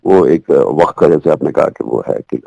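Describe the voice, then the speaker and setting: Low-voiced older man reminiscing. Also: moderate pace, vocal fry, no room sound, poor audio. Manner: relaxed storyteller, acts out remembered lines. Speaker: former radio and TV newsreader. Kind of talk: reminiscing interview talk. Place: living in the United States.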